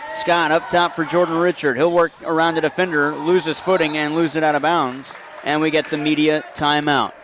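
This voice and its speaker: Male play-by-play announcer, brisk clipped calls, slightly high voice, faint arena noise. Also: level tone. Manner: brisk, calls plays in short bursts. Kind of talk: basketball play-by-play commentary.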